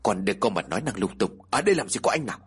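A man voicing a worried young father who talks plainly and earnestly, with a husky tone. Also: fairly low pitch, big pitch swings, racing, pitched below the performer's own voice, full character voice. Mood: stern.

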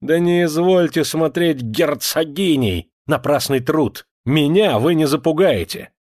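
A man reading an audiobook voices a coarse, hot-tempered older male cavalry officer with a low, gruff, sneering manner. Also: a little slow, a little mellow, dry recording, studio quality, natural voice.

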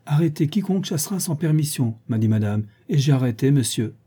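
A man's voice: on the high side, animated, a little fast, mellow, slightly rough, voice pushed up. A man reading an audiobook, voicing a blunt, dutiful country gamekeeper. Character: dutiful rustic male gamekeeper.

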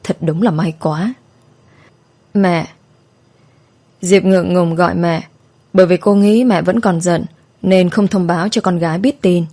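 A woman reads a spoken story in a calm, even manner. Her voice sits low and sounds mellow and warm. The delivery is steady and scripted. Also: normal speed.

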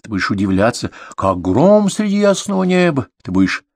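A man's voice: mid-range voice, very animated, fairly quick, darkish tone, no room sound, clean studio sound. A man narrating a confessional story in an intimate way, speaking to his son. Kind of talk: audiobook reading of a confessional novel.

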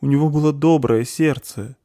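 A man's voice: fairly high pitch, normal speed, mellow, no echo, clean studio sound, voice pushed up, lightly acted. A man voicing a tiny, tender-hearted young woman who speaks earnestly and consolingly in an audiobook.

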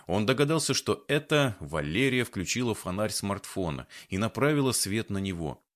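A man narrating an audiobook in an expressive storytelling manner. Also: on the low side, normal speed. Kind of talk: scripted narration.

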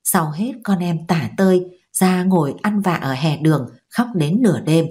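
A woman narrating a novel as an audiobook in a steady, measured storytelling manner. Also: lowish voice. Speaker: audiobook reader.

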